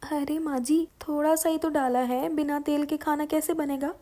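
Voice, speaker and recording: Woman voicing a high, chirpy young daughter-in-law, quick excuses, cartoon. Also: steady tone, natural voice. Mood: pleading. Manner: bright, chirpy, excuse-making.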